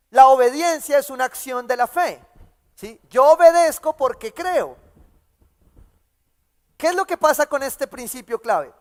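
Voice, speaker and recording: Colombian pastor guy preaching, pretty high voice, keeps asking si?, echoey church hall. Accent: Colombian Spanish. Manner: asks "¿sí?" after nearly every phrase; emphatic, slows and stresses key words. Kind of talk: sermon.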